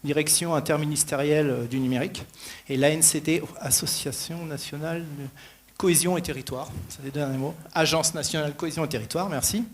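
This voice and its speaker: A man giving a conference presentation in a quick, informal way, often correcting himself. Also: on the high side, fairly even intonation, slight background noise. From New Caledonia.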